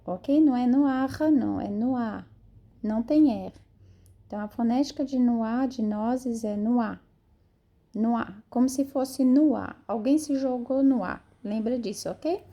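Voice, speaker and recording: A woman teaching French pronunciation, repeating each model word slowly and carefully. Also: on the high side, dull audio. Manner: slow, drawn-out model words, repeats each phrase. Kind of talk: pronunciation lesson.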